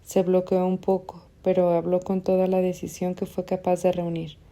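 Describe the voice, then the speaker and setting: Woman reading a novel out loud, really dark mellow voice, steady and even. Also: fairly low pitch, normal speed. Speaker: narrator. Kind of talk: audiobook narration.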